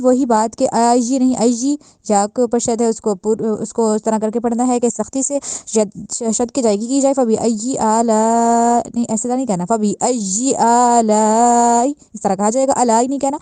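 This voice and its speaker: A woman with a Pakistani Urdu accent teaching recitation, correcting pronunciation word by word and drawing out each word slowly. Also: on the high side, dark tone, dry recording. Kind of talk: tajweed lesson, word-by-word correction.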